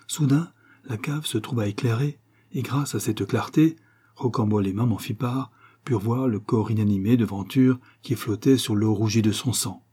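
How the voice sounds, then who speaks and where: A man reading a classic novel aloud in measured, even scripted narration. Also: on the low side, slightly rough. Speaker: audiobook reader.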